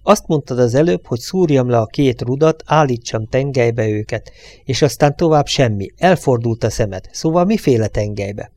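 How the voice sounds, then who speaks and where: A man voicing a tough, desperate male truck driver who keeps pressing hard and shouts his demands, in an audiobook reading. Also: mid-range voice, expressive, dry recording, lightly acted.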